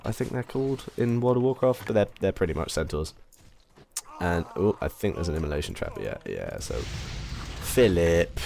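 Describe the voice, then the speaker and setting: An English man talks his way through a game session in a deep, low register. He wanders off topic and second-guesses himself as he goes. A faint hiss of noise sits behind his voice. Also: vocal fry, a little mellow. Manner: rambling, self-correcting, chatty. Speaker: let's play commentator. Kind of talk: casual gameplay commentary.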